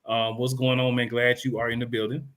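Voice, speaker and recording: A man's voice: medium pitch, little pitch movement, a little fast, a bit bright. A man hosting a casual sports podcast, laid-back and friendly as he reads viewer comments aloud. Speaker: podcast host reading comments.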